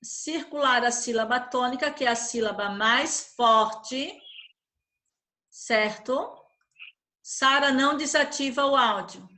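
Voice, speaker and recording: A woman's voice: high voice, slow pace, bright, forceful tone. A Brazilian woman teacher explaining a worksheet in an online class, patient, using diminutives and often checking in with the children. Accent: Brazilian Portuguese.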